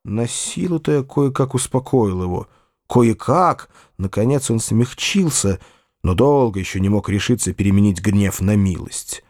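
A man reads classic fiction aloud with a lively, varied lilt. The recording is dry and close, with no room around the voice. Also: fairly low pitch, moderate pace, dry recording. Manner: expressive, hesitant in first-person dialogue. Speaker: narrator. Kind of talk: audiobook reading of classic fiction.

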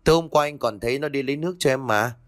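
A man voicing a caring young master of the house who hurries to calm a frightened girl. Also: mid-range voice, rapid-fire, no echo, studio quality, voice pushed up, close to an everyday voice. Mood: soothing. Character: caring young master, elder brother type.

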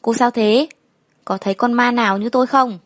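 A woman's voice: a little high, fairly even intonation, moderate pace, natural voice. A woman voicing a cocky young rich man in his early twenties who talks in a mocking, curt way. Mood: teasing.

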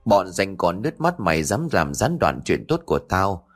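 A man voicing a vengeful female spirit with a raspy voice that hisses through clenched teeth. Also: low-pitched, very animated, normal speed, fairly bright tone, heavily acted. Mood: menacing. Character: vengeful female spirit possessing a wife, murderous.

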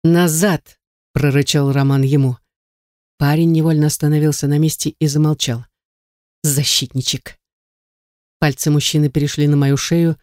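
Woman, audiobook narrator, first-person romance reading, dramatic, warm dark tone, dry close mic. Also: low-pitched, no echo. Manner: emotional, dramatic storytelling.

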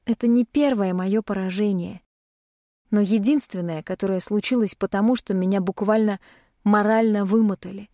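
A woman's voice: medium pitch, moderate pace, dark tone, dry recording, studio quality. A young woman reading an audiobook in the first person, with a tearful, emotionally charged delivery. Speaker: audiobook narrator.

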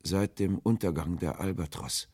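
A man's voice: sits low, mellow, husky, no echo, studio quality. A man voicing a frightened, starving old man who speaks in a hesitant, hopeless way in an audiobook. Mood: sorrowful. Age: older. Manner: hesitant, halting, sorrowful and hopeless. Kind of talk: audiobook character voice.

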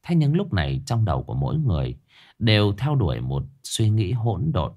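A man's voice: fairly low pitch, wildly swooping pitch, a little fast, a little mellow. A man narrating a horror story in a vivid, dramatic way.

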